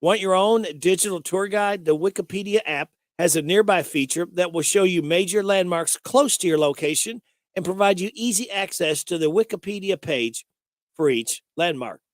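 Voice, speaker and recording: A man hosts a local morning radio show with announcements and short items. His voice is on the high side for a man, recorded close and dry in a studio. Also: normal speed, no room sound.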